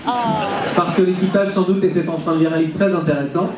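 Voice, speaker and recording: High-voiced French man, very echoey. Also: brisk. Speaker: event presenter and interpreter. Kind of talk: live spoken interpreting to an audience. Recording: very echoey noisy venue, crowd, distant mic.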